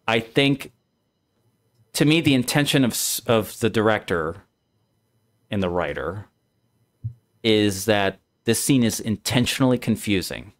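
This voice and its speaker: Low-voiced man analyzing a game story. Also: a bit bright. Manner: thoughtful, restarts mid-sentence while reasoning aloud. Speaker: streamer and co-host. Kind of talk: casual game discussion.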